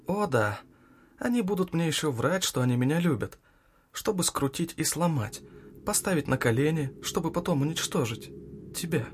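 A man doing a shrill unhinged young woman. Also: expressive, normal speed, slight background noise, lightly acted. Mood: fierce. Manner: mocking, shrill, shouting at times.

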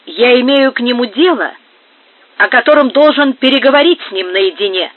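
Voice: mid-range voice, animated, normal speed, dry recording, close to an everyday voice. A towering, secretive giant of a man who presses his demands, as the narrator reads him. The audiobook voice comes through a thin, phone-like recording. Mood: insistent. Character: huge, insistent male giant visitor. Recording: narrow phone-like sound.

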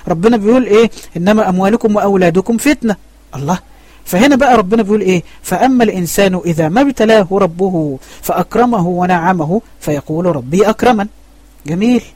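A man's voice: high-pitched, fast talker, a little mellow, no echo. A man with an Egyptian accent teaching an online religious lesson. He asks questions and answers them himself. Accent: Egyptian Arabic. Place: online voice chat room.

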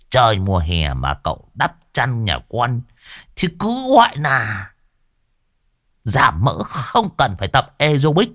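A man's voice: mid-range voice, huge pitch swings, slow, pauses often, fairly bright tone, no room sound, clean studio sound, full character voice. A man voicing a jittery, boastful and cowardly old man who stammers and wheedles, in a spooky storybook tale. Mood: boastful teasing.

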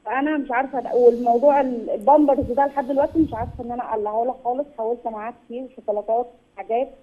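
A woman with an Egyptian accent calling in as a mother, explaining her problem in a rushed, worried way. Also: on the high side, steady tone, warm tone. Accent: Egyptian Arabic. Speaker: caller, mother. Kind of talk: phone-in question. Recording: tinny phone line.

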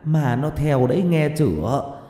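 A man uses an expressive, warm voice at normal speed, close to his everyday sound, to play an angry, superstitious older woman scolding her son and daughter-in-law with shrill outbursts. The recording has roomy hall reverb and music in the background.

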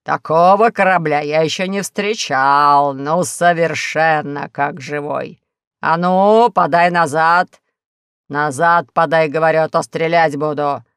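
A woman voicing a loud, menacing male space trapper who shouts slow drawn-out threats. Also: deep voice, clear, resonant tone, dry recording, studio quality, full character voice. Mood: threatening.

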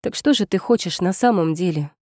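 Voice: mid-range voice, brisk, dark tone, dry recording, lightly acted. A reader voicing an angry young woman in an audiobook, heated and accusing, with a dry, close sound. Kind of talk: audiobook character reading.

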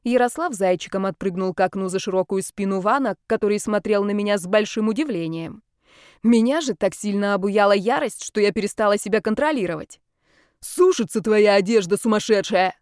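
A woman narrating a first-person audiobook in an expressive, dramatic way. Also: mid-range voice, fairly quick, clear, resonant tone, no room sound, clean studio sound.

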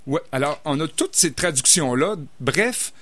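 A man's voice: fairly high pitch, animated, a little slow, a bit bright. Chatty man reviewing books. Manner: chatty, hesitant, with many fillers and restarts. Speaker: book reviewer. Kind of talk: casual radio book review.

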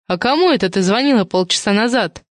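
A woman reading an audiobook and voicing a sharp-tongued, mocking woman who interrogates others. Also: medium pitch, lively intonation, fast talker, no echo, studio quality, lightly acted. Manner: snorting, sarcastic, interrogating.

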